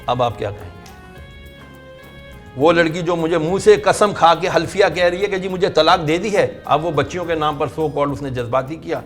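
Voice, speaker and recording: A man's voice: on the high side, faint music behind. A middle-aged man with a Pakistani Urdu accent, a religious scholar telling a long story and acting out the people in it. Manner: narrates at length, acting out the people in his stories.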